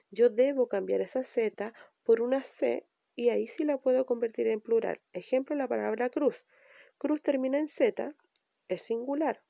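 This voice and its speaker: A woman teacher walks pupils through spelling rules, restating each point patiently. Her voice is gravelly and darkly mellow. The recording is dry and close. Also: fairly high pitch, dry recording. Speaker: primary school teacher. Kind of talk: recorded remote language lesson.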